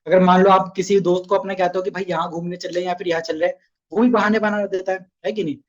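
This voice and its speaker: A man's voice: high voice, flat delivery, fast, lo-fi sound. A young man runs a casual online sales training session, chatty and coaxing, often asking his listeners questions.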